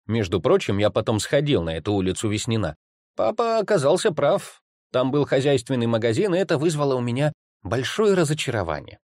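A man narrates a comic first-person story with wry irony, his voice rising and falling freely as he tells it. The reading is close and dry, with no room around it. His pitch sits in the middle of the range. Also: fairly quick, no room sound. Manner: ironic, animated storytelling. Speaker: audiobook reader.

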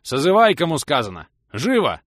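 A man voicing a retired teacher in his sixties who talks loud, firm and commanding. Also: on the high side, big pitch swings, moderate pace, no echo, clean studio sound, pitched above the performer's own voice.

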